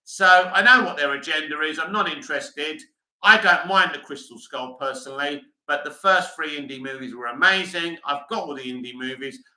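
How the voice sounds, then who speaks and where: A man's voice: fairly high pitch, moderate pace, bright, forceful tone, echoey room, low-quality recording. A middle-aged man from England, hosting a casual livestream, reading viewer comments aloud and answering them bluntly. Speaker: livestream host reading chat.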